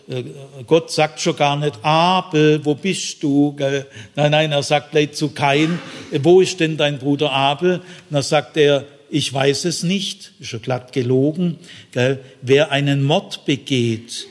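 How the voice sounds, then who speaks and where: A man preaching a sermon in a folksy way, often tagging his sentences with a questioning aside. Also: a little high. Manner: folksy, frequent tag questions. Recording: long reverb in a hall.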